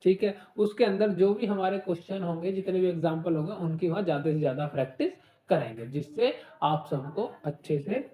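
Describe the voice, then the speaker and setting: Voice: medium pitch, fairly quick, echoey room, lo-fi sound. A Hindi teacher leading an exam-prep class, explaining with everyday examples, asking questions and checking in often. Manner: asks rhetorical questions and says "ठीक है" often.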